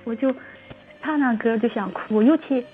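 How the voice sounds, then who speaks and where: A woman's voice: a little high, normal speed, faint music behind. A woman, calling in by phone and telling a heartfelt, tearful story. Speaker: caller. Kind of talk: emotional phone-in conversation. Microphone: telephone. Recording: tinny phone line.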